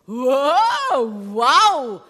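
A woman's voice: very high-pitched, big pitch swings, big-room sound. Woman doing Peter, eager impulsive fisherman. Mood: amazed.

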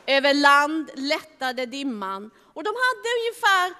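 A woman telling a Bible story to children in a lively, animated way, acting out the scenes. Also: sits high, in a large hall.

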